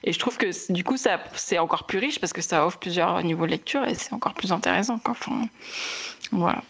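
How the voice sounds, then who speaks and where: A woman's voice: on the low side, brisk, creaky, a bit bright. A young woman hosting a casual film chat, chatty, with many fillers and restarts. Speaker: film podcast host.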